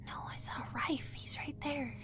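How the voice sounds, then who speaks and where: A woman's voice: normal speed, natural voice. A woman whispering in character as a frightened young woman who grew up in an orphanage, in a whispered role-play. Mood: pleading whisper. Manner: hushed, pleading. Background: background music.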